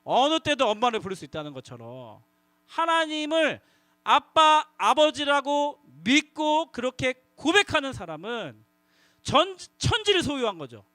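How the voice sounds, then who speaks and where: Youth pastor guy with a really high bright voice, hypes up the kids to repeat after him, dry close sound. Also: a little slow, no echo. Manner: lively, coaxing the audience to call out together. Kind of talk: sermon to middle schoolers. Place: church youth worship hall.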